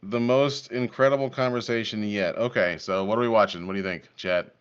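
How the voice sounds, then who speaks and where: A man's voice: fairly low pitch, fairly even intonation, a little fast, clean tone. A man hosting a live podcast stream, reacting casually and laughing often. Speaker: podcast host. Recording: dull lo-fi stream audio.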